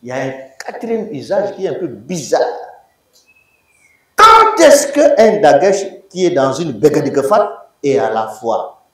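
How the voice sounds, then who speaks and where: A man's voice: fairly high pitch, wildly swooping pitch, a little slow, a bit bright. A man lecturing at university, emphatic, repeating words and quizzing his students. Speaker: Hebrew teacher. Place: large echoey classroom. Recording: echoey room, distant mic.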